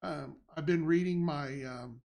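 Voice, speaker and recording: A man's voice: on the high side, unhurried, creaky, darkish tone. A man hosting a casual live stream, rambling through answers with restarts and fillers. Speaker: game company head and show host. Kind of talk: casual livestream chat.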